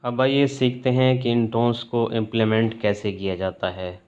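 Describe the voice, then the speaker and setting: A man teaching a language lesson in a calm, measured way, clearly spelling out each sound. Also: mid-range voice, lo-fi sound. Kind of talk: slow explanatory lesson.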